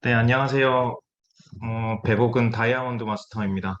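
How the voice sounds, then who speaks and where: A man's voice: medium pitch, steady tone, normal speed, fairly bright tone. Man giving a business talk over lo-fi call audio. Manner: conversational, many hesitation fillers. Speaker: guest speaker. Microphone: video call. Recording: dull lo-fi video call audio.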